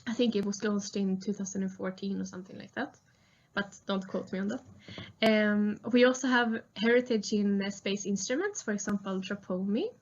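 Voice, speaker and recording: A woman's voice: mid-range voice, fairly even intonation, moderate pace. Young Swedish woman, engineer presenting a recorded talk, friendly, lots of "uh", muffled lo-fi sound. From Sweden. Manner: friendly, frequent "uh" fillers. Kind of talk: prerecorded conference talk.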